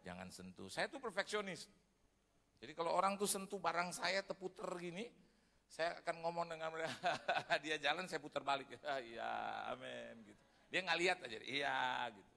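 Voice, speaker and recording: Gravelly, bright-voiced male pastor preaching. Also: on the high side, brisk. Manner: lively storytelling that acts out other people's voices; humorous and chatty, addressing the congregation as "saudara". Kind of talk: sermon. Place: church hall. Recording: long reverb of a large hall.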